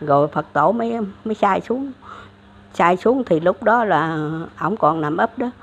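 A woman's voice: lowish voice, lively intonation, measured pace. An older woman with a Southern Vietnamese accent, casually retelling a religious legend, rambling with many fillers and restarts. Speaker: elderly storyteller. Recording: dull lo-fi recording.

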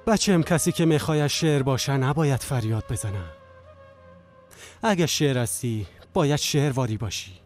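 A man dubbing a calm, devout older father who patiently counsels his son with a story. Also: mid-range voice, faint music behind, close to an everyday voice. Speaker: dubbing actor. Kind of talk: dubbed TV drama.

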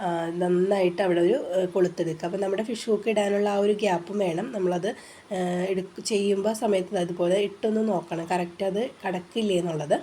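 Medium-pitched, steady and dark in tone, this craft channel host speaks fast as she patiently walks through each step of a casual tutorial. Chatty and full of filler sounds, she sounds stuffy from a cold; rain falls outside, with slight background noise.

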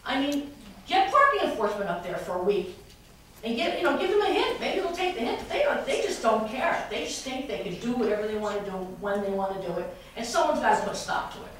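Recorded from far off by a camera aimed at the podium mic, this city council public-comment speaker comes through noisy and echoey in a large wood-paneled chamber. The resident complains with many restarts and grows more heated, her voice a little high, a bit bright, very animated and a little fast.

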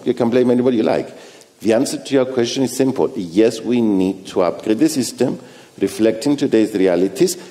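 A man's voice: on the low side, mellow. A man in his sixties, a ship designer on a conference panel, answering with emphatic, insistent points into a headset mic. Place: large stone-walled conference hall. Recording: long hall reverb.

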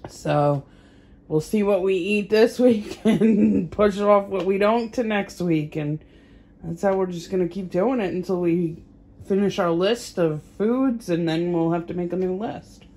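Woman, mom vlogger, casual home chat, rambling, slow pace, fillers. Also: medium pitch, dark tone. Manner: rambling, chatty, thinks aloud with fillers. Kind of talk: casual grocery haul chat.

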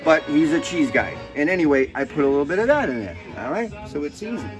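A man's voice: a little high, very animated, fast, over music, poor audio. Rambling, profane cooking host, a man. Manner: rambling, joking, swears freely, drifts into stories. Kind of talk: casual cooking demonstration chat.

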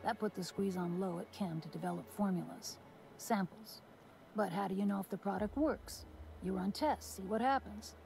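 An actress playing a bitter, sarcastic former testing supervisor in a video game, with a dry, world-weary delivery. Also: female voice, medium pitch, vocal fry, warm tone, a little hiss or hum, lightly acted. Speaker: game character.

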